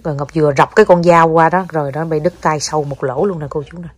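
Chatty Southern Vietnamese mom, low voice. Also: female voice, fairly even intonation, fast talker, no room sound. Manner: coaxing, chatty, mixes in English words. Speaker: mother vlogging with her child. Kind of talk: casual family vlog chat. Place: home, indoors.

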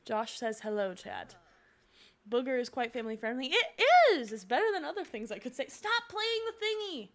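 A young woman talks to her stream from home, excitable and chatty, reading her chat aloud between reactions to the game. Her voice sits high and swings widely in pitch. She sounds close on a headset mic. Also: brisk. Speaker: Twitch streamer. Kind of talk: casual gameplay streaming chat.

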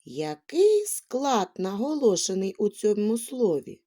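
A woman teaching a lesson to small children, asking questions and reciting little rhymes in a drawn-out, sing-song way. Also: medium pitch, sing-song, warm tone. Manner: questioning, drawn-out words, rhyming verses. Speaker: kindergarten teacher.

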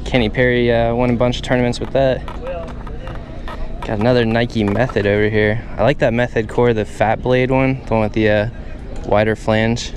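A man with a middling voice chats easily as he shops an open-air flea market. His talk is upbeat and loose. Clear outdoor noise runs under everything. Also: mid-range voice, little pitch movement, moderate pace. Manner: upbeat, chatty, haggling with sellers. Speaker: golf vlogger. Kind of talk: casual vlog chat.

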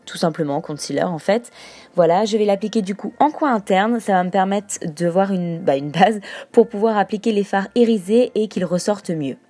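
A woman's voice: medium pitch, darkish tone, dry recording. A woman narrating a makeup tutorial as a voice-over, explaining each step as she goes with frequent small fillers. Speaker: beauty vlogger.

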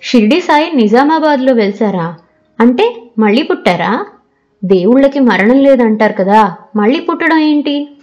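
A woman's voice: on the high side, expressive, moderate pace, darkish tone, lo-fi sound, natural voice. A woman voicing an anxious, unhappy teenage girl student who asks eager, worried questions.

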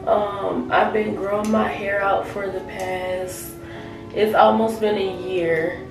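A woman's voice: mid-range voice, steady tone, takes it slowly, distant mic. A young woman talks casually to the camera, her voice a little affected by being sick. She takes her time and repeats phrases for emphasis. The sound is roomy and set back from the mic in a small bathroom, with music playing behind her. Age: young adult. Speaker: natural hair vlogger. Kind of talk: casual tutorial chat to camera. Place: small tiled home bathroom, indoors. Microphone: camera mic a short distance away.

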